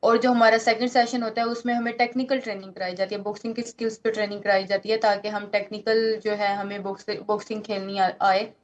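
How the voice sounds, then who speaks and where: A 19-year-old woman boxer from Pakistan with a Pakistani Urdu accent, answering interview questions earnestly, often pausing and restarting. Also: mid-range voice, little pitch movement, lo-fi sound. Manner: earnest, halting, many fillers and restarts.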